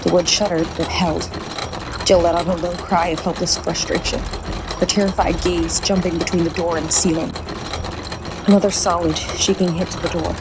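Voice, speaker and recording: A woman's voice: lowish voice, little pitch movement, moderate pace, background noise. A woman narrating a horror audiobook with tense, dramatic storytelling. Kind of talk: scripted narration.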